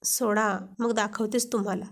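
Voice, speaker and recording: A woman's voice: medium pitch, flat delivery, normal speed, lightly acted. A woman voicing a shy young wife who flares up and gets flustered at her husband's teasing. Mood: pleading. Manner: coy, flustered.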